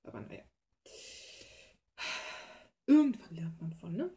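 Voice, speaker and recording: Painting at her desk in a small room, this young German video creator chats in a loose, rambling way, making fun of herself with blunt slang. Her fairly low voice has a sing-song quality and a measured pace, with background noise in the recording.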